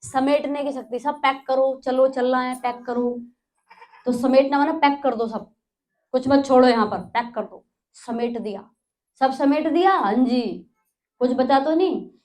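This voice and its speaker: A woman's voice: high voice, measured pace, darkish tone. A woman giving a spiritual lesson to a class, telling a story and quizzing listeners with repeated recaps. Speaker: spiritual teacher. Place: in front of a class.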